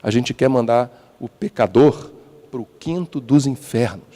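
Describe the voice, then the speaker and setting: A man's voice: mid-range voice, a little slow, mellow. A man with a Brazilian Portuguese accent preaching a dramatic sermon as a guest preacher, drawing the congregation into call and response. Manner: dramatic, mocks hypocrites in put-on voices, asks the crowd questions. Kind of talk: lively sermon with audience participation. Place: large church sanctuary. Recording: long hall reverb of a church.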